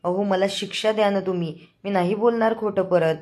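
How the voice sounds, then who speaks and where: A woman's voice: mid-range voice, fairly even intonation, fairly quick, darkish tone, lightly acted. A woman voicing a flustered young husband who keeps telling fibs, speaking in a raised, pushed voice. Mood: pleading. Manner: pleading, then sulky.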